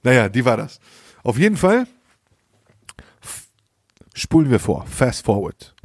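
Lachender junger Mann, lässiger Slang. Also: male voice, mid-range voice, very animated, a little slow, no echo, studio quality. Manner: slangy, laughs often, acts out quoted dialogue. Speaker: podcast host. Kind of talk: casual storytelling chat.

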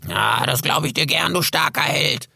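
A gravelly cranky old raven. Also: male voice, a little high, normal speed, pushed and bright, no echo, studio quality, pitched above the performer's own voice, exaggerated voice. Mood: wry. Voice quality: gravelly, husky croak. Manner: scolding, theatrical, croaking "Quah!". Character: grumpy scruffy male raven, boastful and cranky. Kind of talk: audiobook character voice.

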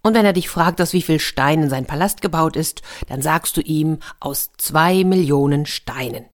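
A kindly old friend in a fairy tale, calm and confiding, giving clever advice, as a woman puts him on. the voice sits low. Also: normal speed, natural voice. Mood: reassuring. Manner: warm, reassuring, confiding.

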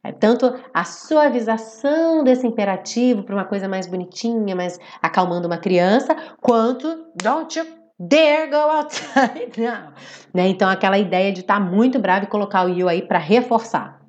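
A woman teaching English in a live online class. She explains grammar patiently, checks in with her viewers often, and reads song lyrics slowly and deliberately. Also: mid-range voice, darkish tone. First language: Portuguese. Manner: explanatory, checks in with "certo?" and "tá bem?". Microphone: computer setup with phone beside.

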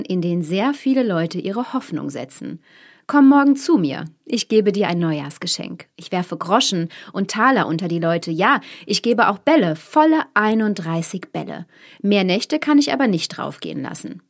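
A woman's voice: medium pitch, lively intonation, normal speed. Storybook: a woman doing a bragging, open-handed merchant man wrapped in fur. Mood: boastful. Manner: boastful, generous. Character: boastful male merchant January in bear fur.

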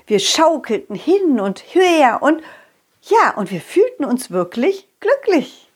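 Animated woman reading a children's story. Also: high voice, takes it slowly.

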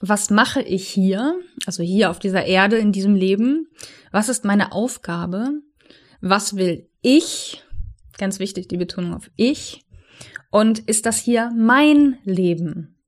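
A woman, probably in her thirties, speaking to the listener in a personal, reflective monologue as a coach, soft and earnest, slowing to stress key words. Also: mid-range voice, expressive.

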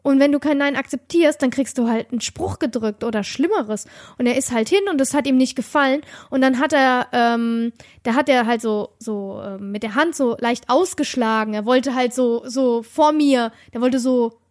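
High-voiced young woman telling a story. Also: normal speed. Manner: animated storytelling with many restarts and fillers. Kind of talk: casual chat.

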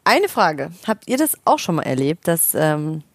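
A woman with a fairly low voice chats casually. She reacts with short remarks and asks questions. The close microphone gives a dry, near sound. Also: very animated, a little slow, no room sound. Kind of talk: casual chat.

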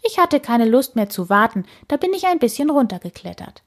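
A woman voicing an impatient, fussy woman in a children's story, with a high, exclaiming voice. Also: very animated, a little fast. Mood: fretful.

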